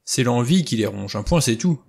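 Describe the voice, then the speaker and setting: A man's voice: mid-range voice, expressive, moderate pace, vocal fry, darkish tone, breathy edge. A man reading a novel aloud, voicing a blunt, grumbling middle-aged ex-policeman.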